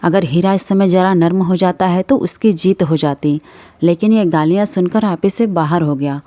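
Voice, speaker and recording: A woman's voice: lowish voice, moderate pace, mellow, no echo, close to an everyday voice. A woman voicing a spiteful village shopkeeper woman who gossips and stirs trouble. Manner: gossipy, stirring.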